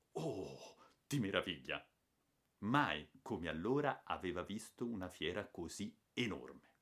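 A man reading an adventure novel aloud as an expressive, dramatic audiobook narration. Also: mid-range voice.

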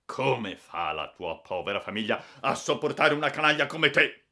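A man voicing a flustered, irate older salesman who shouts and sputters in outbursts. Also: mid-range voice, very animated, normal speed, voice pushed up. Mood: furious.

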